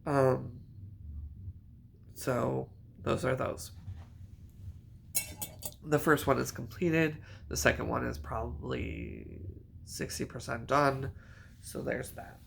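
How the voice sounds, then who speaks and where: A man's voice: medium pitch, steady tone, slow pace, creaky, long pauses, a bit bright, slight background noise. A man vlogging in a casual, rambling way about his knitting, often correcting himself as he goes. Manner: rambling, chatty, self-correcting. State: hiccups. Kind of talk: casual chat.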